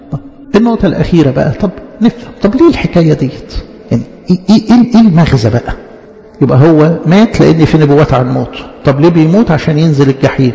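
Gravelly Egyptian preacher in a reverberant hall. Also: male voice, on the high side, dark tone. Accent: Egyptian Arabic. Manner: questions and answers himself, quotes liturgy in a slow chant-like cadence. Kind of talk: sermon. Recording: dull, reverberant hall sound.

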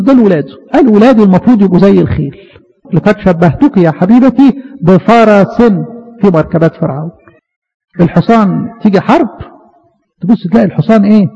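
A man with an Egyptian Arabic accent preaching a fervent sermon, asking his listeners questions and slowing down to quote scripture. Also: high voice, husky, in a large hall, muffled recording.

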